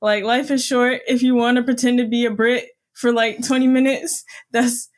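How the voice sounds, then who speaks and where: With a slightly high voice, flat delivery, and normal speed, a young female podcast co-host chats casually. Her manner is giggly and rambling, full of filler words.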